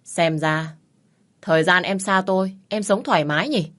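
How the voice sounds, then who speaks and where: A woman voicing a brooding, domineering young husband who is drunk and talks in a curt, mocking, quietly menacing way. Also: fairly low pitch, normal speed, natural voice.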